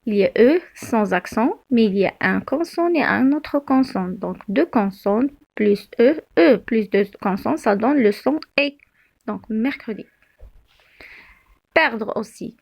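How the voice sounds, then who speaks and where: A woman teacher, explaining spelling slowly, with frequent fillers and self-corrections. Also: on the high side, lively intonation, gravelly, darkish tone. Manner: slow, halting, many fillers and self-corrections. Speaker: French teacher. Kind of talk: spelling lesson.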